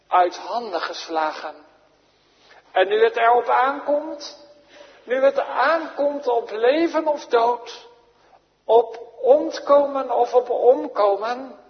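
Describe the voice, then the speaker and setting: A man preaching a sermon as pastor, solemn and slow, with repeated phrases. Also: high voice. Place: church. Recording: dull lo-fi recording, long church reverb.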